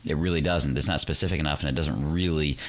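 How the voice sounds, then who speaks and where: A male podcast host, raspy and recovering from flu, talking persuasively and emphatically about dating, then interviewing a guest. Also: rumbling low, steady tone, fast. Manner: persuasive, emphatic, rising on key lines.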